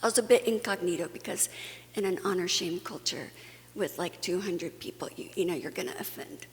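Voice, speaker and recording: A conference speaker from Guatemala, a woman, delivers an earnest, conversational plenary to a faith audience, with fillers and restarts. She speaks briskly in a voice on the low side, and there's long hall reverb and a faint hum.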